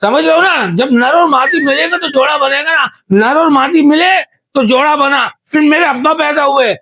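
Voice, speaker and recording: An actor playing a deaf man in a comedy interview, who mishears every question and rambles loudly and indignantly. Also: very high-pitched, normal speed, exaggerated voice. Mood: shouting lecture. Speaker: guest character in comedy interview. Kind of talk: comedy sketch acting.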